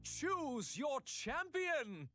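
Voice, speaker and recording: A man's voice: very high-pitched, big pitch swings, drawn-out words, sharp tone, faint music behind, full character voice. A man playing a jovial fantasy town crier, announcing a game in a theatrical royal herald's proclaiming style.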